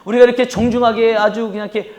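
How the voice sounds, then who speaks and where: Pastor, male, high voice, lively sermon delivery that swings from soft to loud, echoey church hall. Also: very fast. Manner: swings from hushed to loud, calling out to the congregation; acts out pleading voices in quoted prayers. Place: church sanctuary.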